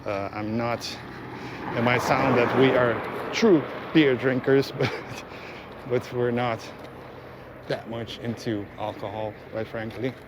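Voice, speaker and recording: Taking his time, a vlog host rambles casually in a steady, mid-range voice as he walks outdoors along a road. The recording catches faint outdoor ambience and the sound of vehicles.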